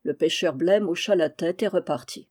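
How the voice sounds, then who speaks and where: Mellow-voiced woman reading a novel aloud. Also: on the low side, normal speed, breathy edge. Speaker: audiobook reader.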